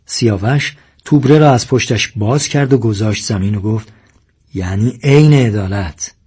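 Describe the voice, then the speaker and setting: A man narrating an audiobook story in a measured storytelling manner. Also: medium pitch, darkish tone, breathy edge.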